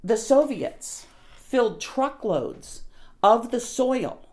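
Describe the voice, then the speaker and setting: A woman's voice: fairly high pitch, animated, takes it slowly, a little mellow. An American woman telling stories in casual conversation, earnest and emphatic. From United States.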